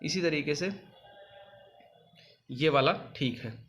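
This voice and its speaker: Guy w a north indian teaching spelling, bit high voice, says every word twice, slow n patient. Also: a bit bright. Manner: patient, repeats each word slowly and spells it out. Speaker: exam coaching teacher. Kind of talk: spelling lesson over written slides.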